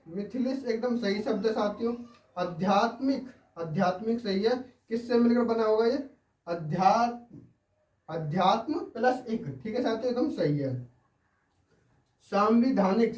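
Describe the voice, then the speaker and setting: A man's voice: high voice, darkish tone. A man teaching Hindi spelling in an online lesson. He goes through the words one by one and keeps checking in with his listeners. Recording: roomy sound, mic at a distance.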